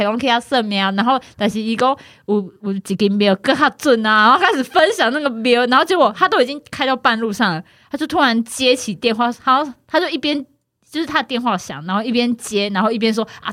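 A woman's voice: a little high, quick pace, dry recording, clean studio sound. A woman from Tainan, hosting a casual podcast and telling a story, acting out the voices of the people in it. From Tainan, Taiwan. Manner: lively, acts out the voices of people in her stories. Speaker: podcast host.

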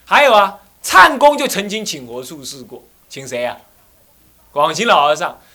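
A man's voice: on the high side, very animated, normal speed, sharp tone. A man with a Taiwanese accent, an abbot giving a joking dharma lecture who often mimics people and slips into Taiwanese dialect. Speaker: Buddhist abbot.

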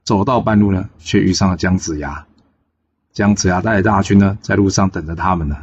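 A man telling a classic tale in a relaxed, chatty way, with frequent fillers. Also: sits low, a little fast, husky, highs cut off. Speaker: storyteller. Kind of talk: storybook narration.

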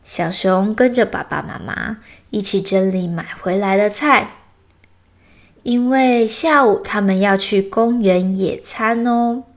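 Woman storyteller, kids' story, very slow, gentle delivery. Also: mid-range voice. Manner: slow, gentle, clear reading. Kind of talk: children's bedtime story narration.

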